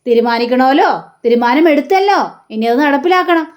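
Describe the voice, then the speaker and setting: A woman's voice: high-pitched, lively intonation, a little fast. A woman doing a resolute middle-aged mother.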